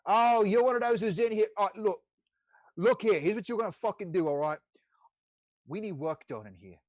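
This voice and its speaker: A man's voice: sits high, expressive, moderate pace, dry recording, voice pushed up. A bossy devil head chef, put on by a man game master, bellows commands at his kitchen in a raised, strained voice. He swears between orders and wants everything done yesterday. It plays out over a tabletop game session. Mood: barking orders. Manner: barking, cursing orders. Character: tall barbed-bearded devil head chef, bossy and foul-mouthed.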